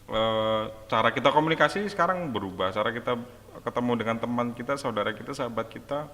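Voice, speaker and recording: Bright-voiced middle-aged man, reflective. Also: medium pitch, quick pace, big-room sound. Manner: reflective, hesitant with fillers, laughs easily. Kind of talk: casual book discussion.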